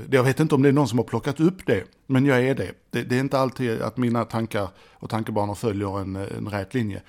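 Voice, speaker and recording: Gravelly man rambling on a podcast. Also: on the low side, darkish tone. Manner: rambling, self-deprecating, chatty with many restarts. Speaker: podcast host. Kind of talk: casual solo podcast monologue. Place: indoors at a desk. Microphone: desk microphone by a computer.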